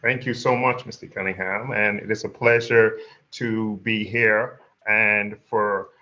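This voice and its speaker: A man gives courteous, formal thanks as a guest speaker, with a few "uh" fillers. His delivery is flat and his tone bright and sharp. The sound is a dull, lo-fi video call. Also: lowish voice, a little slow. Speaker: guest speaker, university administrator. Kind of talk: formal thank-you remarks.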